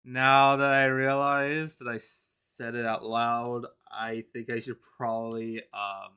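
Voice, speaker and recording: A man's voice: mid-range voice, level tone, slow, sharp tone, clear, resonant tone. A man chatting casually on a live stream about his comics, rambling with many restarts and fillers and laughing between thoughts.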